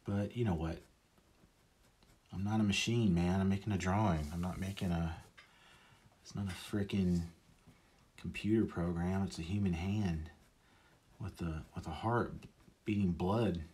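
A man's voice: sits low, fairly even intonation, measured pace, long pauses, darkish tone. A man talking casually and rambling as he inks a drawing, often mocking himself. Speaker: illustrator. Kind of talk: casual talk while drawing.

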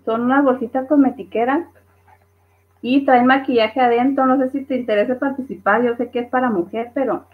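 A woman's voice: fairly high pitch, fairly even intonation, a little fast. A woman hosting a casual livestream, reading viewers' comments aloud and laughing along. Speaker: livestream host. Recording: tinny phone-like livestream audio.

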